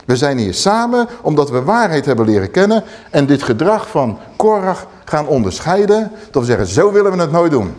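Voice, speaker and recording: A man preaching a sermon, animated, swinging between loud exclamations and low emphatic asides. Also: brisk, hardly any pauses.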